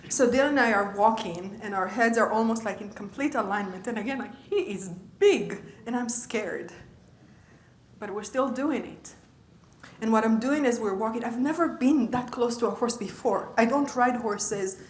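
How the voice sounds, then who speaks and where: A woman's voice: a little high, moderate pace, echoey room, a little hiss or hum. A woman giving a conversational lecture as a leadership coach, often checking in with her audience. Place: lecture room.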